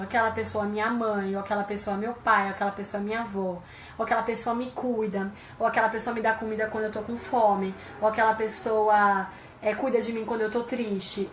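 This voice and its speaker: A woman's voice: mid-range voice, steady tone, fairly quick, reverberant, a little hiss or hum. A Brazilian woman psychologist explaining things in a live-stream chat, asking rhetorical questions as she goes. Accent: Brazilian Portuguese.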